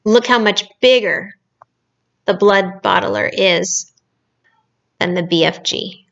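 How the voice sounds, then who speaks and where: Lady teacher reading a kids book aloud, bright fairly high voice, kinda lo-fi. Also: takes it slowly, vocal fry. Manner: explaining pictures to children. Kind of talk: storybook read-aloud.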